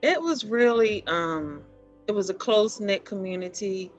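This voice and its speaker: A woman's voice: medium pitch, animated, a little slow, dull audio, faint music behind. A middle-aged woman from Baltimore, chatting and reminiscing as an interview guest on a video call, with frequent ums and laughs. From Baltimore, USA. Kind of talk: conversational storytelling over a video call.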